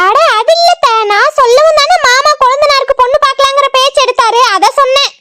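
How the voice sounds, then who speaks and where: A woman's voice: very high-pitched, pushed and bright. Woman voicing a cheeky young daughter-in-law. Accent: southern Tamil Nadu. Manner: sassy, cheeky, quick retorts. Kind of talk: cartoon voice acting.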